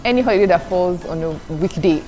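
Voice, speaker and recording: In a low-quality recording with music in the background, a chatty young woman from Nigeria, Igbo by first language, answers questions for her vlog audience. She speaks at a quick pace in a lowish, dark voice, calling viewers "guys" and giggling between replies.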